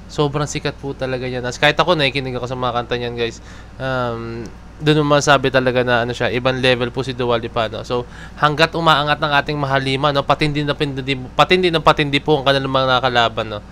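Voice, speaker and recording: A man's voice: mid-range voice, steady tone, fast, bright, forceful tone, slight background noise. A man with a Filipino accent hosting casual fan commentary, chatty and peppering his sentences with filler tags.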